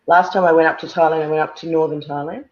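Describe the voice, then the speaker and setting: An Australian woman guest on a video call, talking in a halting way, with many fillers and repeated words. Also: sits low, steady tone. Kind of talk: casual interview chat. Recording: muffled lo-fi video-call audio.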